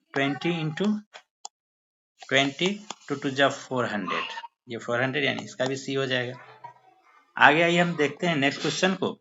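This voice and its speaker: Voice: medium pitch, a bit bright. A maths teacher giving a step-by-step lesson, counting through each sum aloud and addressing the pupils as dear children. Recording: slightly muffled with faint hiss.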